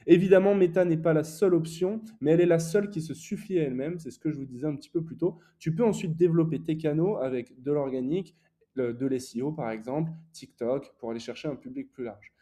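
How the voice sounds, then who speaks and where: A young man who coaches e-commerce ads teaches online advertising in a casual, explanatory style. His voice is on the high side, fast and warm, peppered with fillers and self-corrections.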